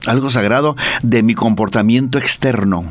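A man's voice: mid-range voice, moderate pace. A male priest, a guest on a radio talk program, speaking in a reflective, lightly preachy way and often repeating his words.

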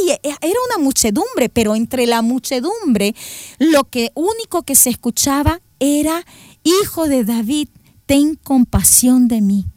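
A woman presenting a religious radio program, retelling Gospel stories and acting out the shouts of the people in them. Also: high-pitched, no echo, clean studio sound. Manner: animated storyteller who acts out shouted quotes. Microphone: studio microphone.

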